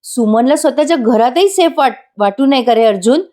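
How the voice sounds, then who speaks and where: A woman's voice: a little high, animated, a little fast, mellow, pitched above the performer's own voice, lightly acted. Woman doing a worried older family man.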